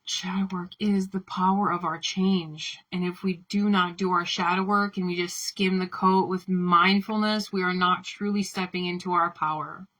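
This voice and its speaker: A woman's voice: lowish voice, fairly even intonation, moderate pace, few pauses, a bit bright, rough recording. A woman delivering an impassioned spiritual monologue, fiery and profane, building repeated chant-like affirmations. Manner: fiery, swearing, chant-like repetition. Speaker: spiritual speaker.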